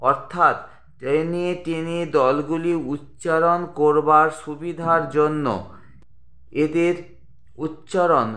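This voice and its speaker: Slow, bright-voiced teacher in an echoey room. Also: male voice, on the high side, level tone. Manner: deliberate, spells out syllables, addresses viewers as friends. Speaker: grammar teacher. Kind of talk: slow explanatory grammar lesson.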